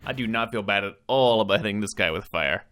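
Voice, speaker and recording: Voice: low voice, fast, a bit bright, clean tone. A game player giving casual commentary, musing aloud in a wry way. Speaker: video game player narrating.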